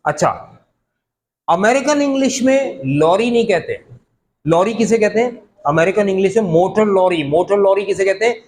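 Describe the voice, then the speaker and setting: High-voiced man teaching English. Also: a little hiss or hum, rough recording. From Pakistan. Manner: reads English lines slowly, then explains in Urdu with questions to students. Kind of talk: classroom lecture explaining a text line by line.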